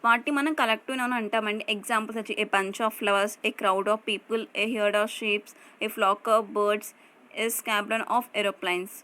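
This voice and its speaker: A woman's voice: medium pitch, fairly even intonation, sharp tone, slight background noise, rough recording. Telugu-accented woman teaching grammar. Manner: reads English definitions slowly, then explains in Telugu. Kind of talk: explanatory lesson over slides.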